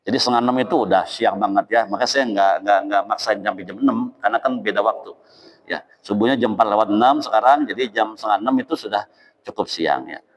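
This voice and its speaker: A man preaching a lively, joking dawn sermon in a mosque. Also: on the low side, fast. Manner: lively, joking, acts out quoted voices. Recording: long hall reverb in a mosque.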